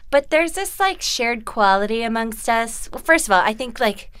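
A woman's voice: on the high side, expressive, moderate pace, fairly bright tone, smooth, dry recording. A woman who grew up with Korean as her first language, chatting as an interview guest in a rambling, self-deprecating way. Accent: American. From born in Los Angeles to Korean parents. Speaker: actress guest. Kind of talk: casual interview chat.

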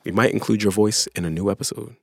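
A man's voice: on the low side, fairly even intonation, fast, creaky, slightly rough, no echo, studio quality. A man hosting a podcast in an informal, slangy, conversational way. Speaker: podcast host.

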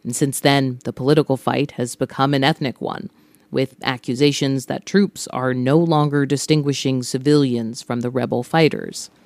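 A woman hosting a news podcast, narrating scripted reports in a grave, measured storytelling manner. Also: rumbling low, fairly even intonation, vocal fry, a little mellow, no echo. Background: music bed.

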